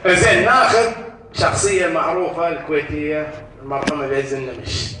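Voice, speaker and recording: A man's voice: fairly high pitch, fast talker. A male stand-up comedian with a Gulf Arabic accent, chatting casually to a live audience between impressions. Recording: echoey, noisy live venue, distant mic, crowd.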